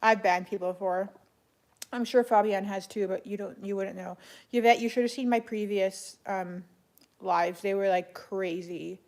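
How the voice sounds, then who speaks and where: A woman chatting casually on a livestream as she answers viewers, speaking in a flat monotone with a creaky voice. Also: medium pitch, moderate pace. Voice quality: creaky vocal fry. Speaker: live streamer answering chat.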